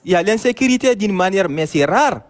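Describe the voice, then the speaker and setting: Malian man calling in, high pitched voice, insistent, keeps repeating himself. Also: lively intonation, fairly quick. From Mali. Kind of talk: casual chat, phone-in debate.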